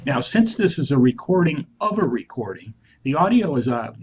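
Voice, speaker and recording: A man's voice: mid-range voice, sing-song, moderate pace, darkish tone. Man, trading instructor, formal polite intro, re-recorded playback of an old recording, muffled lo-fi sound. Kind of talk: scripted video introduction. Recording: muffled lo-fi re-recording with crowd noise behind.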